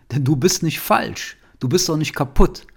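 A man hosting his own podcast as a nonviolent communication trainer, speaking in an earnest, heartfelt monologue that often ends with a soft questioning "ja?". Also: on the high side, lively intonation, measured pace, vocal fry, husky.

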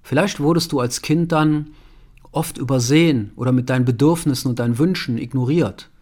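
Medium in pitch, a little quick, and somewhat dark in tone, this male voice carries a conversational self-help talk spoken straight to the listener. He leans on rhetorical questions and tacks a questioning "ja?" onto his sentences.

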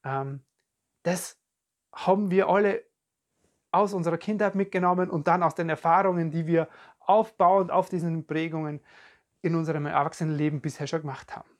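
Calm self-help podcast coach. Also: mid-range voice, normal speed. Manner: calm, searching for words, repeats phrases. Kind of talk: reflective self-help talk addressed to the listener. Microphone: podcast and video recording.

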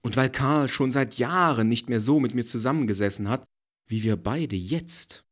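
A man voicing a jealous married woman who is assertive and emphatic. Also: lightly acted. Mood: teasing. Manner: emphatic, quick, rising pitch when heated.

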